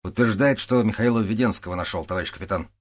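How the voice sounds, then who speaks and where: A man playing a gruff, scoffing police sergeant. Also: lowish voice, quick pace, natural voice. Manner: scoffing, blunt. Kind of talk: audiobook character voice.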